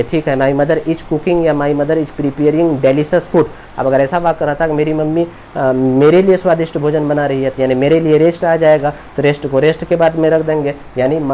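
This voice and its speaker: A man giving an English grammar lecture, slowly drilling example sentences and answering his own questions. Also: fairly high pitch, a little mellow, slight background noise. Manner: asks students questions and answers them himself. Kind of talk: classroom lecture.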